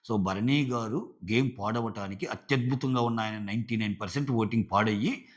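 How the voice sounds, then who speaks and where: A man's voice: on the low side, brisk, dull audio. A man giving a casual recap of a reality show, retelling and acting out the contestants' lines. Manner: retells and acts out contestants' dialogue.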